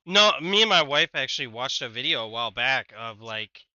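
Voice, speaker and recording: A man's voice: mid-range voice, lively intonation, normal speed, bright, forceful tone, dry recording, lo-fi sound. A man streaming a game, chatting casually with a teammate, swearing often and trailing off mid-sentence. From United States. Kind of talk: casual gaming chat.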